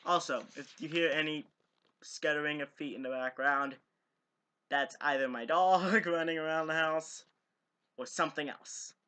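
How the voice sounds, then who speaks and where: A man casually reading a novel aloud for his channel, halting and stumbling over words, chatty and giggly between passages. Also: a little high, fairly even intonation, bright, forceful tone, clear, resonant tone. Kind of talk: casual amateur read-through.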